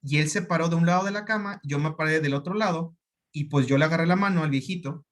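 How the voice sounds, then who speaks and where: A man with a Mexican accent, a doctor giving a conference talk, telling anecdotes in a lively way and acting out the dialogue. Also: a little high, fast talker. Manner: lively storytelling, acts out quoted dialogue.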